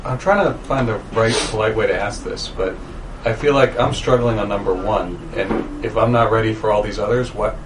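A man's voice: on the low side, moderate pace. A man, a student in a class, asking a question politely and hesitantly. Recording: distant mic, audible room noise.

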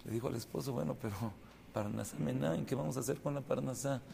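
A man, a rabbi, giving a Torah class in Spanish as an animated storyteller, acting out the people's words. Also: medium pitch, quick pace, gravelly, a little hiss or hum. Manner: animated storyteller, acts out dialogue, rises to loud emotional peaks. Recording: distant echoey hall.

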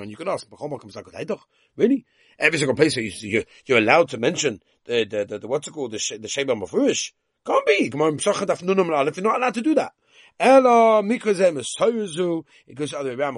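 A man's voice: mid-range voice, breathy edge, no echo, clean studio sound. A man teaching a daily Talmud lesson in a conversational way, with asides and repeated words.

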